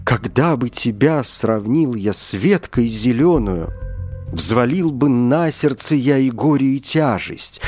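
A man's voice: mid-range voice, a little mellow. A man voicing a cheeky, bewildered male porter who blurts and pleads, with faint music behind. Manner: pleading, exclaiming.

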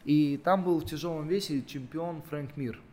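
A man's voice: on the high side, moderate pace, mellow, slight background noise. Guy in his late 20s, podcast guest, rambly casual explaining, lots of fillers. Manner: explains at length with many fillers. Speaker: podcast guest, jiu-jitsu athlete. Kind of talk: casual interview talk.

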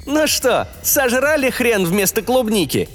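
A man's voice: high-pitched, very animated, a little slow, pitched above the performer's own voice. A man voicing a cynical, nasty spaceship artificial intelligence in an audiobook, with a gloating, cawing delivery. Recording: long reverb, music behind.

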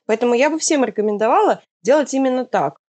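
A woman's voice: a little high, expressive, fast, mellow. A woman talks casually in an interview, explaining things in an informal way.

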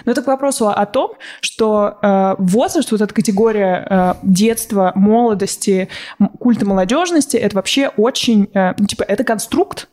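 Young woman explaining with many pauses. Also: mid-range voice, mellow. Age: 20s. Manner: explains at length, hesitant with many "uh" fillers, apologetic. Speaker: podcast guest. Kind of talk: casual podcast chat.

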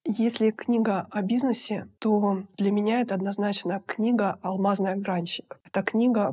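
A woman in her fifties, a guest in an interview, talking in a lively, chatty way and laughing easily. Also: mid-range voice, slightly rough. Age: 50s. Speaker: guest, outsourced finance director. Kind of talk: casual interview talk.

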